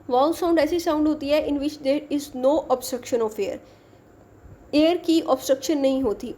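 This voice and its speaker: Slow, explaining woman teacher. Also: high voice, warm tone. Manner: explains slowly, mixing English terms into Hindi-Urdu speech. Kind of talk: exam-prep lecture.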